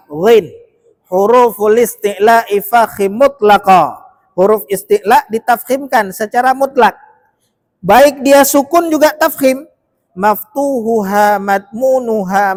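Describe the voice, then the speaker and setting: A man's voice: high-pitched, dry recording, clean studio sound. A male teacher in a mosque leading a Quran recitation lesson with an Acehnese Indonesian accent, correcting pronunciation letter by letter and chanting verses for his students to repeat.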